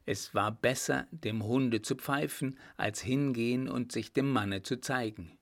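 Man reading a quiet, earnest officer. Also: medium pitch, measured pace, vocal fry.

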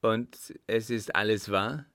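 A man's voice: on the low side, slow, sharp tone, no room sound, clean studio sound, exaggerated voice. A man reading a storybook voices an astonished male companion asking eager questions. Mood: curious.

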